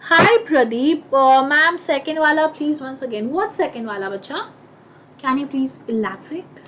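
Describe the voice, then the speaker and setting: A woman with an Indian accent teaching science in a live online class, chatty and animated, often asking questions and answering them herself. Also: sits high, moderate pace. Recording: muffled audio with clear background noise.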